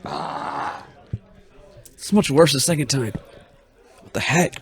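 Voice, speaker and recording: A man's voice: on the high side, animated, moderate pace. A young man hosting a podcast in casual banter, playful and joking. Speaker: podcast host.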